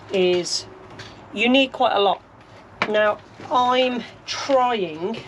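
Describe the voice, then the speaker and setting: A woman's voice: medium pitch, background noise. A woman from the UK narrating her allotment sowing as she works, chatty and practical, thinking aloud. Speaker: gardening vlogger. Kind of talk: casual narration while working. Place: allotment greenhouse.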